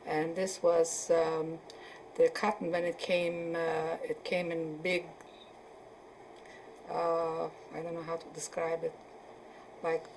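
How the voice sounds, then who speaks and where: A woman in her seventies from Poland recalls her early life in an oral history interview. Her voice is low, warm and mellow, and she talks slowly and evenly. She hesitates often and searches for words, with faint noise behind her. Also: little pitch movement, rough recording. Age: 70s.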